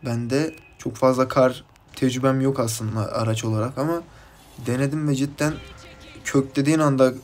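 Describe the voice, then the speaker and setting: A man from Turkey commenting casually on his mobile game match, chatty and rambling from topic to topic, with bursts of excited shouting at his teammates. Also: mid-range voice, moderate pace, soft background music. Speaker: gaming YouTuber.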